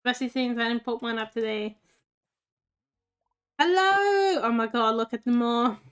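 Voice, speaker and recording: A woman's voice: on the high side, completely flat delivery, quick pace, clear, resonant tone. A woman giving casual gameplay commentary and talking fondly to the pets in a game. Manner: chatty, talks fondly to the game's pets. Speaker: gaming channel host.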